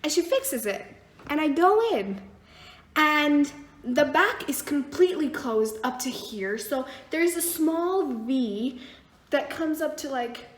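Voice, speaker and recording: A young woman tells a story in a casual vlog, blunt and animated, swearing freely. Her voice sits high. The room around her adds a noticeable echo. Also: slow pace. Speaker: vlogger. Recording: echoey room.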